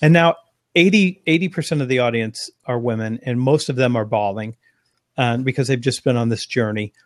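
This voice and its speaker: A man, a guest on an interview, telling an animated anecdote in long run-on phrases. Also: mid-range voice, brisk, dry recording. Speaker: interview guest, sales speaker. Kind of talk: conversational storytelling.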